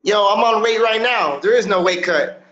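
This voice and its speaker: Speaking over a webcam from a small room, this thirty-something MMA fighter from Miami chats loosely as an interview guest, sprinkling in "yo" and "you know what I'm saying." His voice is high for a man and a bit bright, and he talks at a moderate pace. The call audio is slightly dull and lo-fi.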